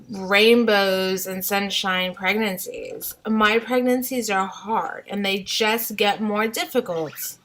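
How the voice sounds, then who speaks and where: A woman's voice: mid-range voice, a bit bright. A young woman and mother talking casually at home, rambling and unguarded with lots of "like" fillers. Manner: chatty and unguarded, many "like" fillers. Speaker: vlogger, mother of three. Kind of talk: casual rambling vlog rant. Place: home, somewhere with mild winters.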